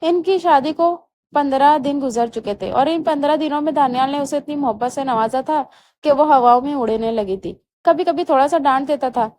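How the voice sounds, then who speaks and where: A woman narrates a romance novel aloud at a steady storytelling pace. Her voice sits high. A faint low noise runs beneath the reading. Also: brisk.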